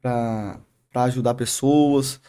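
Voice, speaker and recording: A man, a barber and youth leader, telling his faith story in a podcast interview, halting often and tagging sentences with "né?". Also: medium pitch, fairly even intonation, warm tone, clean tone. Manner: halting, many restarts and "né?" tags. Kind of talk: emotional testimony in casual interview.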